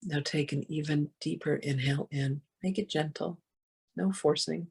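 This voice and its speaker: A meditation guide speaks gently and soothingly in a soft, breathy, mid-range voice, leaving long, unhurried pauses.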